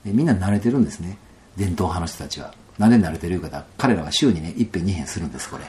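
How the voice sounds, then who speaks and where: Lively Kansai man telling a story. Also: fast. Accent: Kansai Japanese. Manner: animated storyteller, laughs often, drops to soft low asides. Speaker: guest telling a personal story. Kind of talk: storytelling in casual interview.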